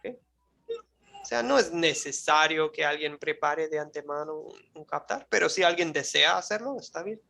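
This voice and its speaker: A Bible course teacher with a mid-range, bright, forceful voice and some vocal fry speaks at a normal speed, lecturing conversationally in a live online class in Spanish, which isn't their first language. They often check on listeners, restart phrases searching for words, and end with a prayer.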